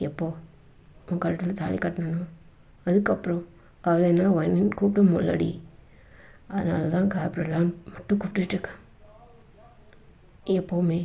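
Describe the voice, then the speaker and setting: A woman voicing a brooding, conflicted young husband in a fan audio drama, confiding one moment and shouting harshly the next. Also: lowish voice, gravelly, muffled recording. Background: faint background music.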